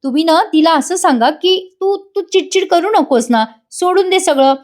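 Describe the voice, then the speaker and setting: A shameless young son-in-law whines and begs in a high, pleading voice, as a woman puts him on. His tone stays wheedling in a retold serial scene. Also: normal speed, a little mellow. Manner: whiny, pleading.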